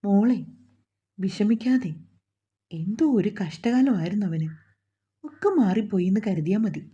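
A woman's voice: mid-range voice, measured pace, mellow, husky, dull audio. A woman voicing an anxious, loving middle-aged mother who soothes her daughter and prays in a pleading way. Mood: soothing, worried.

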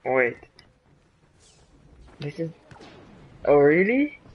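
A man's voice: a little high, sing-song, very slow, dull audio. A man giving casual commentary while playing a game on a livestream, often exclaiming as he reacts. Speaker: streamer.

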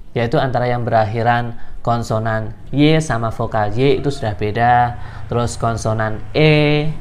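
A man's voice: medium pitch, a little hiss or hum. A man giving an informal online English grammar lesson, patiently explaining and repeating key terms to his viewers. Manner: chatty and informal, addresses viewers directly. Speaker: English tutor.

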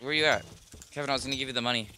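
A man's voice: mid-range voice, fairly even intonation, very fast, slight background noise. A young man joking and laughing with a friend during a multiplayer game. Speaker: gaming friend. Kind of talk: casual gameplay chat. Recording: gameplay audio with loud gunfire. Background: loud gunfire from the game.

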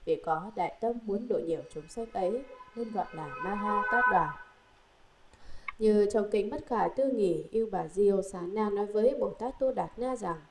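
Female reader, mid-pitched, steady and measured through a religious text, echo around her. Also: slight background noise. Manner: even, steady reading of long lists. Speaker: scripture reader. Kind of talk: measured recitation of a Buddhist treatise. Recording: echoey room.

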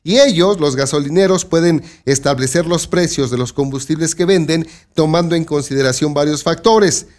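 A Mexican news host speaks in a fairly high, darkish voice at a moderate pace, with hardly any pauses. On his local news commentary show he talks conversationally and directly to listeners, warning them to be careful.

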